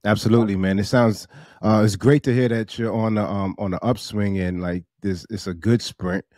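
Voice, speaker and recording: A man hosting a podcast interview, measured and sprinkling his talk with "um"s. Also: fairly low pitch, steady tone, darkish tone, no echo, clean studio sound. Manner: measured, many "um"s and backchannels. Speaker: podcast host.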